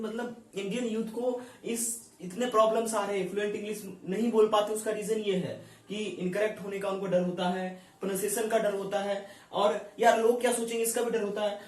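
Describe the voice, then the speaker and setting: Echoey, high-voiced Indian man teaching. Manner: keeps saying "dosto", addressing viewers directly. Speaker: English-speaking teacher. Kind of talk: YouTube lesson. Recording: echoey room, voice from a distance.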